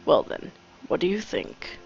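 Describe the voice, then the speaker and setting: A woman voicing a gentle, formal male pigeon who runs a cafe, speaking softly and politely. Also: unhurried, close to an everyday voice. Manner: soft-spoken, formal, polite. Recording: dull lo-fi with game music.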